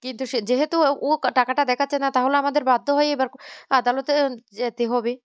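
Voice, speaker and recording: A stern older mother-in-law who runs the house and scolds without pause, read out by a woman telling the story. The voice sits fairly high and is smooth and clear, with brisk, quick delivery. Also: fairly even intonation, no echo, natural voice. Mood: insistent.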